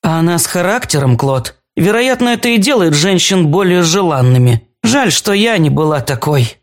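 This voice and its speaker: A man reading a storybook, voicing a gentle, forgiving female ghost who speaks fondly. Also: fairly high pitch, moderate pace, voice pushed up. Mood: teasing. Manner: fond, forgiving, calmly observant. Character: gentle, doting female ghost, a murdered former lover. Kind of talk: audiobook character voice.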